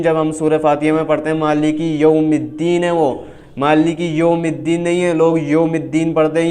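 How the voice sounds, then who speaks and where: A man teaching Quran reading who spells letters out syllable by syllable and then reads them smoothly. He speaks in a firm, instructive way. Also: on the high side, darkish tone. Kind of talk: spelling drill lesson.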